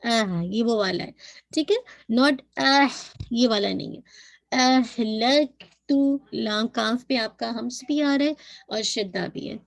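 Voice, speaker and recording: A woman teaching Quran recitation, drawing out words slowly as she demonstrates them and mixing English terms into her explanations. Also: a little high.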